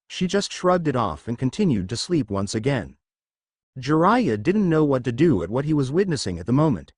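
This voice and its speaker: A man narrating a fan-fiction story in a steady storytelling read. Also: mid-range voice, no room sound, studio quality.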